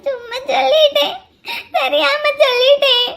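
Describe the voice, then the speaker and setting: Cartoon: a woman playing a naive young bride-to-be, very high, gravelly, whiny. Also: fairly even intonation, normal speed. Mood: crying. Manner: whiny, pleading.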